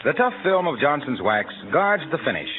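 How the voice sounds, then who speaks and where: This man plays a 1940s radio announcer, delivering scripted introductions and sponsor copy in a polished, salesmanlike manner. His voice is on the high side and very animated, at a normal speed. The narrow-band vintage radio recording carries faint music.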